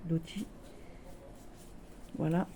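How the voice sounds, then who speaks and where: A woman chatting casually and affectionately as she shows her tarot decks, often pausing on "voilà". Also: warm tone, slight background noise. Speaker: tarot vlogger.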